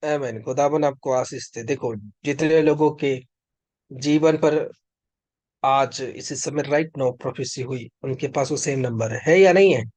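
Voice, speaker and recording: A man's voice: mid-range voice, fairly even intonation, measured pace, darkish tone, dry recording. A man preaching and prophesying over a video call, fervent and commanding, breaking into bursts of speaking in tongues as he leads prayer. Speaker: preacher leading an online prayer session. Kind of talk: charismatic sermon with prophecy and prayer.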